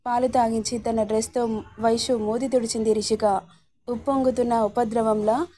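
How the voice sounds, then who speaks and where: A woman reading a romance story aloud as scripted narration, voicing every character herself at a steady reading pace. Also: a little high, normal speed.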